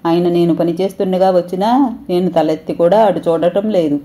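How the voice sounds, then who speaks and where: A woman's voice: fairly low pitch, moderate pace, warm tone, close to an everyday voice. A woman voicing a timid, mistreated young wife who pleads tearfully. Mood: pleading.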